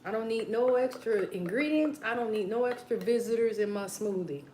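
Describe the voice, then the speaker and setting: A woman's voice: on the high side, normal speed, a little hiss or hum, poor audio. Rambling woman chatting on a late-night livestream. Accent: Southern American. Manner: rambling, talks to viewers as besties, drops into quiet asides. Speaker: mukbang livestream host. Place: at home.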